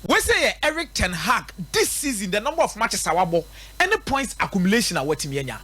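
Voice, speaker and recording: Very animated and forceful, this Ghanaian-accented man talks fast in a high, bright voice as a radio sports pundit. He offers live football commentary and analysis in a mix of English and a local language, emphatically repeating his points for rhetorical effect.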